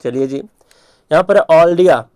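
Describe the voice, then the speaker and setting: A man's voice: a little high, normal speed, a little mellow, smooth, dry recording. Man teaching vocabulary, dry close sound. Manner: repetitive, checks in often with rhetorical questions. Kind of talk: exam vocabulary lesson.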